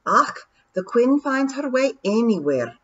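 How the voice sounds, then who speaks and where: A woman putting on a gruff Scottish pixie chief. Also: a little high, sing-song, measured pace, fairly bright tone, lo-fi sound, voice pushed up, exaggerated voice. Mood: boisterous. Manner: blustery, commanding.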